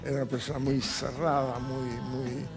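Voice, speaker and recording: An older man telling his life story as a guest in a TV studio interview, speaking in halting recollection with restarts and fillers. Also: medium pitch, little pitch movement, loud music behind the voice. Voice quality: gravelly, husky voice. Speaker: interview guest, Holocaust survivor. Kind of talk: personal testimony in a TV interview.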